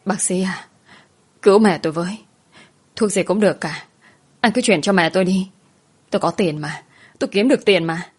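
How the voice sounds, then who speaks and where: A woman's voice: on the low side, brisk, pauses often, slightly rough. A woman voicing a frightened young woman who pleads tearfully for her sick mother. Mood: pleading.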